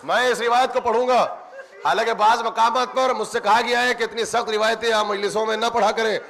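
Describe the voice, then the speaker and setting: A man's voice: very high-pitched, fairly even intonation, vocal fry, fairly bright tone. A man preaching a mourning sermon, impassioned and speaking directly to the congregation in a religious center hall.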